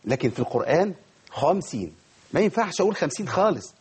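A man with an Egyptian Arabic accent teaches Quran recitation to a class. He talks quickly in a fairly high, husky voice. He quizzes his students and models each pronunciation for them. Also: sing-song. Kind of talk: tajweed lesson to a class.

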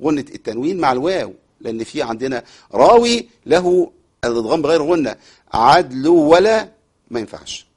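A man's voice: a little high, sing-song, slightly rough. Egyptian man teaching Quran recitation. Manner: recites verses slowly then explains briskly; repeats sounds to demonstrate pronunciation. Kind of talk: broadcast recitation lesson with callers.

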